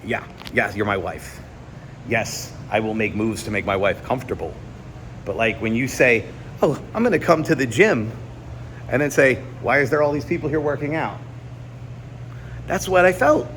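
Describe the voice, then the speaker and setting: A man in his forties speaks to his audience in a candid personal vlog monologue, his voice sitting in a middle register. He sounds earnest and confiding, pushing hard on some points and dropping low and quiet on others. A faint air conditioning hum runs underneath. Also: expressive, moderate pace, pauses often. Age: 40s. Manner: earnest, confiding, swings from emphatic to subdued. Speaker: YouTuber. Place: indoor gym.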